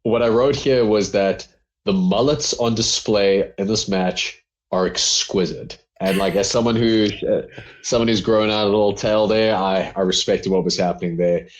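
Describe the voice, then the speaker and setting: A man's voice: on the low side, fairly even intonation, moderate pace. A man co-hosting a casual wrestling review podcast, rambling with lots of fillers and laughs. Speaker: podcast co-host.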